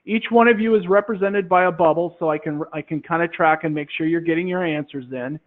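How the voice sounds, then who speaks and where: A man demonstrating a classroom quiz game, explaining in a relaxed way with many fillers into a headset. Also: a little high, fairly quick. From Minnesota, USA. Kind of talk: software demonstration talk. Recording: tinny phone-like line.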